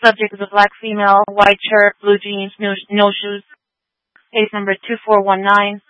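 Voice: medium pitch, monotone, normal speed, smooth, no echo, highs cut off. Clipped police radio dispatcher. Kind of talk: terse radio dispatch codes.

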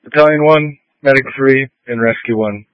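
A man speaks terse dispatch codes over a two-way radio, at a middle pitch. The sound is dull and muffled, and it is very dry. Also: normal speed, dry recording.

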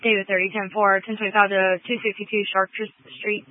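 A man talks in quick, clipped ten-codes over a police radio channel. His voice sits high and stays flat, and the transmission sounds thin and tinny. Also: no echo. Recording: tinny narrow-band radio.

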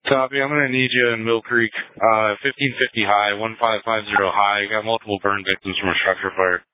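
A man's voice: on the low side, steady tone, fairly quick, dry recording. A man working as a fire dispatcher, heard over a two-way radio and speaking in clipped phrases that repeat the numbers and codes. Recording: tinny narrow-band radio, dry.

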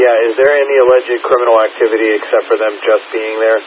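A man's voice: lowish voice, fairly even intonation, fast talker. A man working as a police officer, calling in over a police radio with terse procedural codes. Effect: police radio transmission. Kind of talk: radio call-in. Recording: muffled lo-fi radio with faint hiss.

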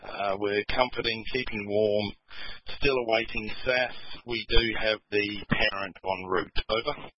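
A man's voice: lowish voice, fairly even intonation, a little slow, breathy edge. A man, an emergency responder, giving a clipped procedural situation report over a two-way radio transmission. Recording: muffled radio with faint hiss.

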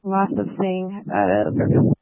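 Man, high lively voice, over two-way police radio, tinny and dry, clipped code talk. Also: slow pace, no echo. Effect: heard over a two-way police radio. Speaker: police officer. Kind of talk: terse radio codes.

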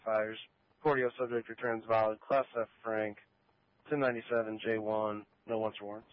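A male dispatcher comes through a police radio, clipped and routine as he reads back a license check in codes. His low voice stays flat and even. The channel is narrow, tinny and dry. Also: normal speed, no room sound. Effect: police radio transmission.

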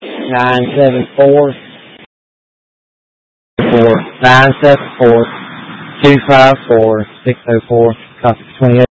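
A man's voice: mid-range voice, level tone, slow pace, long pauses, dry recording. A man speaking as a police officer over a police radio transmission, steadily reading out numbers. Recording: muffled two-way radio audio.

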